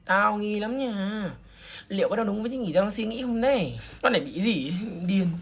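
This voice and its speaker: A woman telling an acted school story over a meal, in a brisk, teasing way. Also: medium pitch, lively intonation, slightly rough.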